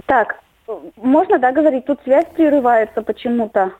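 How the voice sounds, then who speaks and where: A woman's voice: sits high, normal speed. A woman speaking as a guest psychologist over a phone line that keeps breaking up, talking hesitantly with many fillers. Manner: hesitant, thinking aloud with fillers. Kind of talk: casual radio chat. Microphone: telephone. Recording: tinny phone line with faint music behind.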